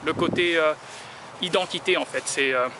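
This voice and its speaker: A man's voice: a little high, moderate pace. A man from France vlogging as he walks outdoors, talking in a rambling, hesitant way full of filler sounds. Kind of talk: casual walking monologue. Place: outdoors in a town, walking in the sun. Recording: noisy outdoor street recording.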